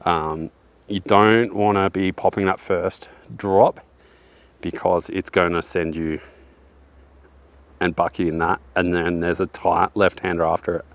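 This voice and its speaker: A man's voice: low-pitched, little pitch movement, unhurried. A young man walking a downhill bike track outdoors, giving slangy, joking commentary while a bit out of breath. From Australia. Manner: laid-back, slangy, joking. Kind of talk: casual track walk commentary. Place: outdoors on a forest hillside.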